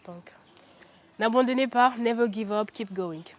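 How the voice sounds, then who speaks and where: Speaking unhurriedly in a fairly high voice, this young Central African beauty queen gives relaxed interview answers. She is talkative, hesitates frequently with "euh," and laughs from time to time.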